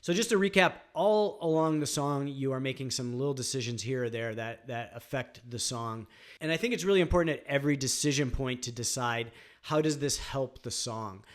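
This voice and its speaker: A man's voice: mid-range voice, brisk. A man teaching songwriting on guitar in a casual, rambling way, with frequent fillers. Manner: relaxed, rambling, many fillers like "um" and "like". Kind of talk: casual instructional talk.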